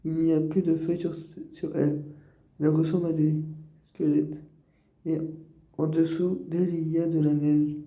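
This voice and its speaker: Troubled killer girl read by a guy, flat and dark-toned, echoey room. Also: a little high, moderate pace, pauses often, natural voice. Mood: haunted. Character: haunted young woman, troubled killer. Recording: roomy echo.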